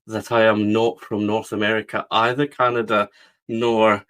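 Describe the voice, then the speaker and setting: Smooth and fairly low, this man's voice stays level at normal speed with a fairly bright tone. He's a middle-aged guest publisher with a West of Scotland accent, earnestly recounting his story in a reflective interview and frequently restarting, repeating words as he goes.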